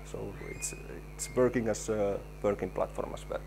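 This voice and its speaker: A low, gravelly voice from a man, talking through a technical conference presentation. He stops and restarts often, repeating words as he works through each slide, and a faint hum sits under him. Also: steady tone. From Finland. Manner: halting, repeats words while explaining slides. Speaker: presenter, stabilization engineer.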